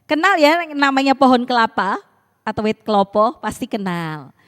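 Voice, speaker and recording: A woman pastor preaches through a folksy story and keeps checking in with her listeners. Her voice sits fairly high and swings widely in pitch. A long reverb from the church hall follows her. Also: moderate pace. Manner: animated, conversational, asks the congregation questions. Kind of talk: storytelling sermon.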